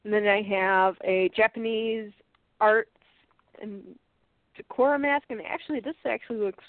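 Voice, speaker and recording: A woman with a stuffed-up nose chats casually while reviewing beauty products, reading the package text aloud and often restarting her sentences with light laughs. Her mid-range voice holds a steady tone on a dry, tinny, phone-like line.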